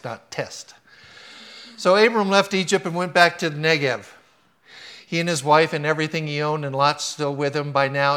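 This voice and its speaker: A man gives a sermon in a relaxed, conversational way. He tells an anecdote with animation, then moves into reading a scripture passage. His voice sits at an ordinary middle pitch for a man. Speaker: pastor.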